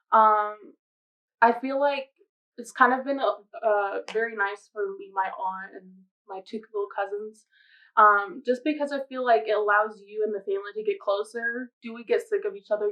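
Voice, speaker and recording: A seventeen-year-old girl giving hesitant, soft-spoken interview answers. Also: medium pitch, lo-fi sound. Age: teens.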